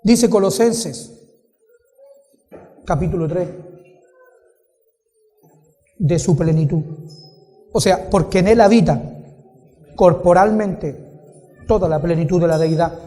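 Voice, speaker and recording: A man with a high, mellow voice preaches a sermon, leaning on rhetorical questions to the congregation. His voice rings in an echoey hall with soft music underneath. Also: measured pace, pauses often.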